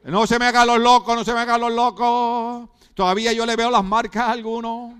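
His voice is extremely high, clean and fairly bright, with little pitch movement and a fairly quick pace. The speaker is a middle-aged Puerto Rican pastor preaching in a Puerto Rican Spanish accent, posing rhetorical questions to the congregation with humorous asides.

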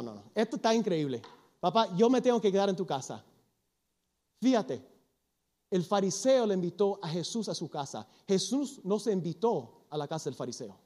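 High-voiced man preaching animatedly. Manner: animated storytelling, acting out quoted lines; slips into English phrases. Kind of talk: sermon.

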